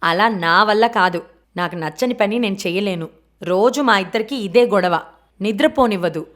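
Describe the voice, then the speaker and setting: A woman's voice: mid-range voice, fairly bright tone, close to an everyday voice. A woman voicing a careless, jobless young man who talks dismissively, in an audiobook. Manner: dismissive, quick.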